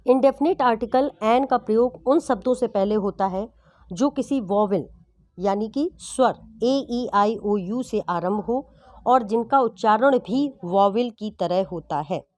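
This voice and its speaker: A woman with a fairly high, darkish voice teaches English grammar to exam students, recorded with no echo. She explains things patiently, repeating points and frequently checking that the class is following.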